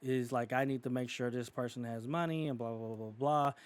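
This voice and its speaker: A Californian man co-hosts a podcast in a mid-range, steady voice, talking fairly quickly. He's casual and opinionated, with many fillers and restarts.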